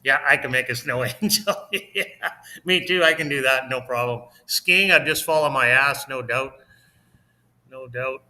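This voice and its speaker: A man co-hosting a casual livestream chat from his home, talkative and quick to laugh. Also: mid-range voice, pushed and bright. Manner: chatty, laughs often. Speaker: livestream co-host. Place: home in Mexico.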